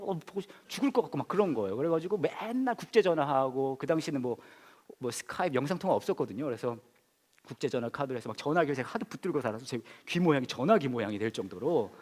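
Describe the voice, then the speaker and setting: A man preaching a sermon in an animated, comic storytelling way, full of fillers. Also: mid-range voice, long reverb tail. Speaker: pastor.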